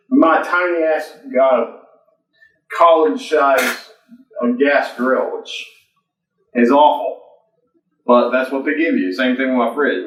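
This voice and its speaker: A man's voice: mid-range voice, roomy sound, highs cut off. A man hosting a casual home cooking show, talking in a rambling, profane, folksy way from his kitchen.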